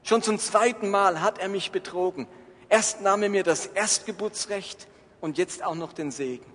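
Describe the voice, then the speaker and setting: A man's voice: sits high, moderate pace, a bit bright, voice pushed up. A man voicing a grieving adult son who begs his father, reading in a pleading, raised voice in an echoey hall. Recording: echoey hall, faint ambience.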